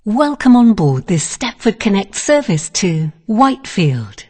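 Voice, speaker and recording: A woman's voice: medium pitch, big pitch swings, a little slow, warm tone, breathy edge. A woman reading pre-recorded onboard passenger announcements as an automated train announcer. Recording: long reverberant hall echo.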